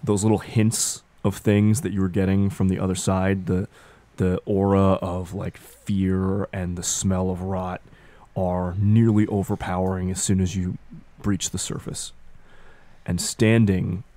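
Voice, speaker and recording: A man runs a tabletop role-playing game, narrating scenes with deliberate, dramatic phrasing. His voice is low and dark, with a restrained melody. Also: level tone, no echo. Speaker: game master.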